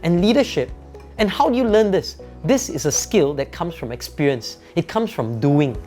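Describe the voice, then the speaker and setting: Guy giving a leadership pep talk, lively swinging voice, faint music in back. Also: a little high, normal speed. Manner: animated, emphatic, frequent tag questions. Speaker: company founder and leadership speaker. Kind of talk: motivational talk.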